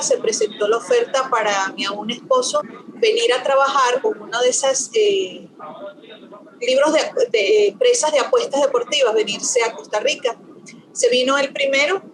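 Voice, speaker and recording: A woman's voice: high-pitched, noisy background. A Venezuelan woman, a panel guest, talking casually over a video call.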